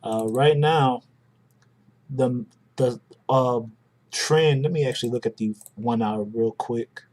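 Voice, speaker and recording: A man's voice: mid-range voice, slow, a little mellow. A young adult man hosting a live stream, talking casually through charts and greeting viewers by name. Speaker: livestream host.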